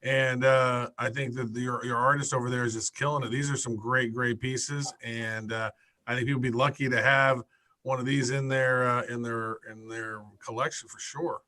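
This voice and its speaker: A man's voice: mid-range voice, level tone, normal speed, sharp tone. A man co-hosting a casual live show, talking in an enthusiastic, slangy, informal way. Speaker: co-host of a shopping-style show.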